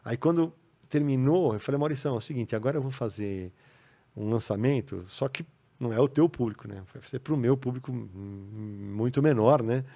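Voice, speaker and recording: A man with a Brazilian Portuguese accent, a podcast guest telling stories in a casual, animated way. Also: medium pitch, moderate pace. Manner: animated, acts out quoted voices. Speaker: podcast guest, comics writer. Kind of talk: casual storytelling. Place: podcast studio.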